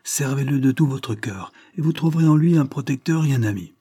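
A man's voice: mid-range voice, expressive, brisk, mellow, husky, pitched above the performer's own voice. A man doing a proud, emotional old lord. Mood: solemn. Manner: solemn, heartfelt speechmaking. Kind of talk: audiobook character reading.

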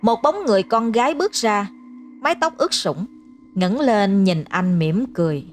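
A woman's voice: medium pitch, animated, moderate pace. Woman narrating a ghost story. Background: faint music.

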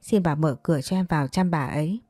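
A woman voicing a loyal, protective nanny who talks in a soothing, gentle way. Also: low-pitched, fast, no echo, studio quality. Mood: tender.

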